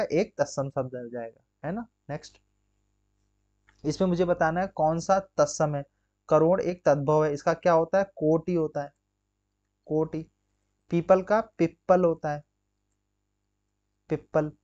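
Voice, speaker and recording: A man's voice: a little high, darkish tone, dull audio. A man teaching an exam-prep grammar lesson, drilling students with rhetorical questions and constant check-ins. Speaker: Hindi teacher.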